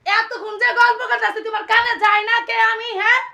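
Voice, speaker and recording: Woman acting as an angry wife yelling at her husband, super high bright voice, rapid-fire nagging, thick bangla. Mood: bitter. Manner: shrill scolding, taunting repeated questions. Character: furious first wife confronting her cheating husband. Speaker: actor in a comedy skit. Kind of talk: amateur comic drama acting.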